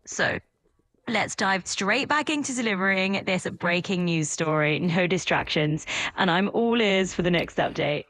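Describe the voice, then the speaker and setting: A woman's voice: lowish voice, unhurried, fairly bright tone, dry recording. Upbeat, agreeable female AI assistant voice. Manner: upbeat, agreeable and eager to please, often laughs. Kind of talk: chatty conversational replies.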